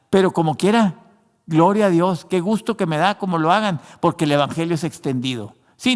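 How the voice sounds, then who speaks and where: A man's voice: fairly high pitch, long reverb tail. A man preaching a sermon who learned Spanish later, addressing listeners as brothers, with frequent restarts. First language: not Spanish. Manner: preaching with many fillers and restarts, addressing "hermano". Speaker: pastor.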